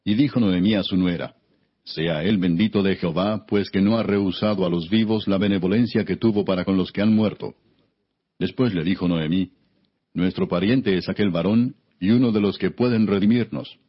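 Deep-voiced man reading scripture, slightly husky. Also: moderate pace. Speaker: audiobook narrator, scripture reader. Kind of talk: scripted Bible narration. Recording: dull, muffled lo-fi recording.

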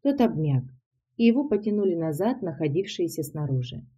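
Audiobook narrator, female, low and husky, steady matter-of-fact delivery. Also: brisk. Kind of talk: first-person audiobook narration.

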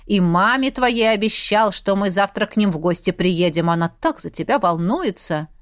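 A woman voicing a clingy, showy young man, the heroine's ex-boyfriend, who calls out loudly and drags his words. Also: mid-range voice, lively intonation, no room sound, studio quality, lightly acted. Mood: smug. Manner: loud, drawn-out calling.

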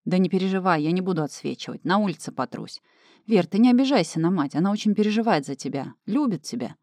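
A glum young man who mumbles along dutifully, as a woman reads him in an audiobook. His voice sounds mellow and soft-edged, with a dry, close sound. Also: lowish voice, animated, fast talker, no room sound.

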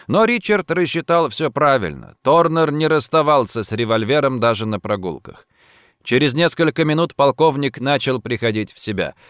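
A man narrating a thriller audiobook in an expressive storytelling manner. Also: mid-range voice, no echo, studio quality.

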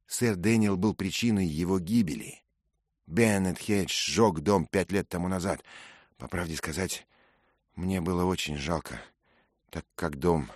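A man voicing a young male squire, earnest and hushed, brave but unsure. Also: low voice, dry recording, studio quality, pitched above the performer's own voice.

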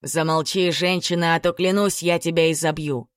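A woman's voice: deep voice, moderate pace, dry recording, clean studio sound, close to an everyday voice. A woman reading the lines of a domineering male sheikh, cold and threatening, in an audiobook.

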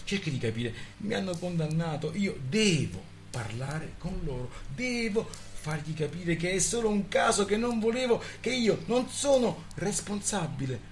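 A harried, desperate husband, frantic and pleading, who snaps into bitter outbursts, as a man reading a story aloud puts him on. His voice rides higher than the narrator's plain tone. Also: very animated, moderate pace, hardly any pauses, slight background noise.

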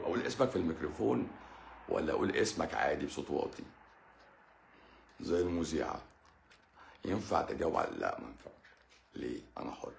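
A man's voice: on the low side, a bit bright, echoey room. A man with an Egyptian Arabic accent hosts a live stream as a doctor, answering viewer questions in a blunt, teasing, lecturing way.

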